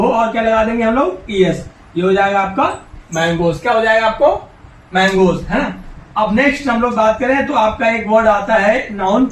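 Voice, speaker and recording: A man's voice: sits high, fairly bright tone. A male teacher giving a grammar lesson, asking questions and answering them himself while coaxing the children along. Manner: drills students by asking and answering his own questions; coaxing and encouraging, addresses children directly. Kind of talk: classroom-style English grammar lesson. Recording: echoey room, voice from a distance.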